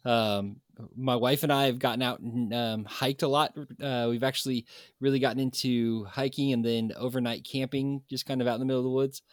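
A man co-hosting a podcast, chatting casually in an animated, joking way and telling stories. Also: mid-range voice, brisk, no room sound, clean studio sound. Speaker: podcast co-host. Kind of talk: casual chat.

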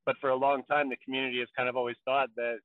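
Male podcast co-host, casual and rambling, mid-pitched, recorded over a thin phone-like line. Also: little pitch movement, very fast, no room sound. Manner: rambling, heavy on fillers like "you know". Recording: tinny, dry call audio.

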